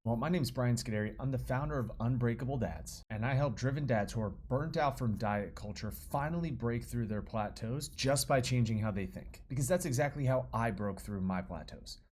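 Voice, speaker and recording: A man's voice: medium pitch, normal speed, few pauses, a little mellow. Man, thirties, fitness coach, casual slangy storytelling, faint background noise.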